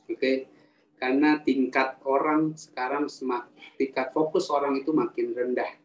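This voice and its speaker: A man giving a casual, animated public speaking talk in a live webinar, asking the audience questions and reading their chat comments aloud. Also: mid-range voice, measured pace. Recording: roomy sound, mic at a distance, faint ambience.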